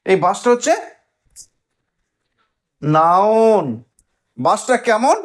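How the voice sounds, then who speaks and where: A man teaches an English grammar lesson with an animated, swinging pitch. He explains step by step and keeps asking whether the class has followed. When he spells or stresses a word, he stretches it out slowly. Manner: explains step by step with frequent checking questions.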